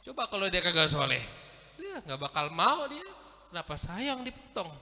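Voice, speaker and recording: A man giving a casual, animated sermon, often asking his listeners questions. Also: high voice, moderate pace, big-room sound. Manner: colloquial and animated, addresses listeners directly with questions. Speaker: ustadz giving a religious study talk.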